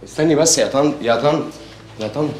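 An actor with an Egyptian accent playing a stressed husband who flares up and then apologizes. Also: male voice, fairly high pitch, quick pace, darkish tone, faint music behind, natural voice. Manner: defensive, flares up, then pleads.

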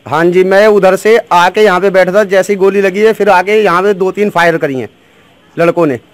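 A man's voice: high voice, fairly even intonation, a little fast, no room sound. A man giving an insistent, repetitive eyewitness account into a handheld microphone outdoors. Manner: insistent, repeats phrases. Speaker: eyewitness interviewee. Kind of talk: animated street eyewitness account. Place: outdoors in a narrow lane with onlookers. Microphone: reporter's handheld microphone.

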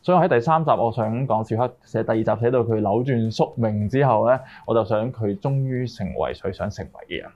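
A music video director with a Hong Kong accent talks through his work in a group interview, dropping English words into his speech. His voice sits on the low side and is a little mellow, and he speaks fairly quickly with hardly any pauses. The audio is dull, recorded through a face mask in a small indoor room.

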